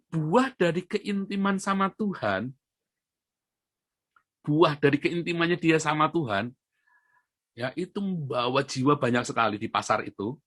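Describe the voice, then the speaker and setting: A male pastor preaching a sermon, telling a story and rising to loud, high emphatic peaks before dropping to soft asides. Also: dry recording, studio quality.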